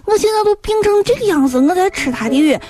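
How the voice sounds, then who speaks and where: A woman's voice: very high-pitched, lively intonation, fast. An actress with a Shaanxi accent playing an impatient, blunt young female colleague in a comedy sketch, complaining and repeating herself. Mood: whiny, worried. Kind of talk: comedy sketch dialogue in dialect. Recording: music playing behind the voice.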